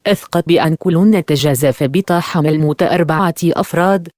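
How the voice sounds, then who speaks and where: A woman voicing a male doctor pleading for help in an audiobook, urgent but measured. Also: low-pitched, darkish tone, dry recording, studio quality, close to an everyday voice.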